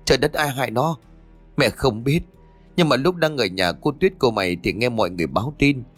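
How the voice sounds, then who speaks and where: A man's voice: mid-range voice, lively intonation, fairly quick, faint music behind, natural voice. A man narrator voicing a frantic, grieving elderly mother who wails and pleads. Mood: fearful. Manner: wailing, pleading.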